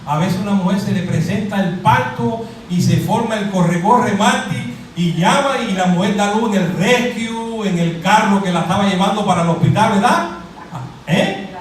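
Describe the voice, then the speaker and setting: Preaching in a church hall, a middle-aged pastor from Cuba speaks at normal speed in a high-pitched voice with a Cuban Spanish accent. He's animated, asking the crowd questions and joking throughout. The recording is very echoey with a distant mic and slight background noise.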